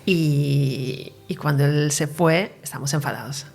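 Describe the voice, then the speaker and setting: A woman's voice: sits low, unhurried, gravelly, darkish tone, faint music behind. A woman recounting her near-death experience in an interview, earnest and emotional, sometimes dropping to a whisper. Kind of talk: personal testimony in an interview.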